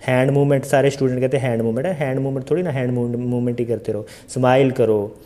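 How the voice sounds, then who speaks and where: Dark-voiced chatty male IELTS coach. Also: mid-range voice, fairly even intonation, fast. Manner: chatty, addresses viewers directly with rhetorical questions. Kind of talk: casual Hindi tutorial monologue.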